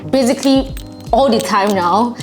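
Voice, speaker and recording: A woman's voice: a little high, moderate pace. A woman in her twenties, hungover, talking casually and reflectively to viewers as a vlogger. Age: 20s. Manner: informal, reflective, conversational. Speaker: vlogger and channel host. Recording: music behind the voice. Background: music.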